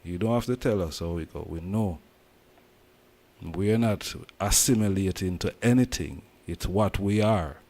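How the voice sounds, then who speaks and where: A man's voice: deep voice, moderate pace, warm tone. A man from Jamaica with a Jamaican accent, talking emphatically in patois as host of a casual commentary.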